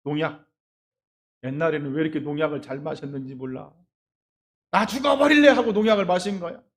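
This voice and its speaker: A male pastor delivers a dramatic sermon in a notably high voice. He talks straight to his congregation and tells homely stories. His delivery swings from loud, fervent cries down to quiet, almost muttered asides. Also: fast. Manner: folksy storytelling, addresses the congregation directly.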